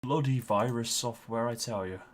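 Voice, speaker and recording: A man's voice: mid-range voice, normal speed. A man doing casual live-stream game commentary into a headset, out of breath and chatty, with frequent ums.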